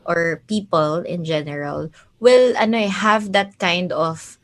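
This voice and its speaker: A woman's voice: on the low side, a little slow. A woman with a Filipino accent, a confidence coach talking as a guest on a podcast, affirming and mixing Tagalog and English. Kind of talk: casual chat. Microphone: podcast call.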